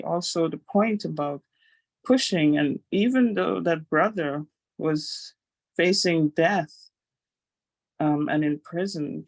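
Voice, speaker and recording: Woman, from Guyana, slow, gravelly, halting, devotional sharing, dry sound. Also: sits low, no echo. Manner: halting, with many pauses and fillers. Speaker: participant sharing a reflection.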